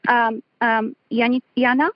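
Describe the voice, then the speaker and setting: A woman's voice: fairly high pitch, level tone, measured pace, no echo. A woman calling in to a podcast, heard over a phone line and talking hesitantly with many fillers. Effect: caller heard over a phone line. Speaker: caller to a call-in podcast.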